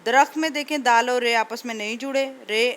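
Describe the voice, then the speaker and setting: A woman's voice: on the high side, a little fast, a bit bright. A woman teacher explaining a lesson patiently, repeating each point and sounding out letters one by one.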